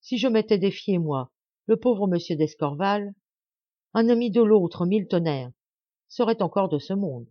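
A woman voicing a loyal, blustering old male corporal in an audiobook, with loud indignant outbursts. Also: medium pitch, expressive, unhurried, dry recording, dull audio. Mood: gruff. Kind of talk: audiobook character voice.

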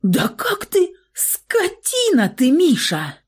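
A woman reading aloud and voicing an angry, rebellious young woman who shouts indignantly in a storybook reading. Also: mid-range voice, very animated, normal speed, voice pushed up. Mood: furious.

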